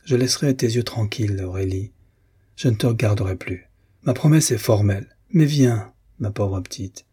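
A man's voice: on the low side, normal speed, mellow, husky. A man voicing a jealous, bitter official husband in an audiobook reading, sneering and brooding. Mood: pleading, menacing. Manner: sneering, then nervous and brooding.

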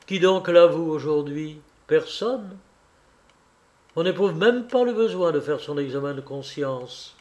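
A gentle, sincere young man, calm and reassuring in every word, as a man reads him aloud. The delivery is unhurried and fairly high for a man, in a storybook reading.

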